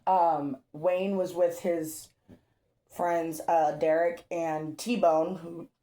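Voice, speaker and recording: A woman's voice: on the low side, very slow. A woman game master, casually recapping a tabletop session with lots of fillers and swearing. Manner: relaxed storytelling with frequent fillers and profanity. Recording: roomy echo.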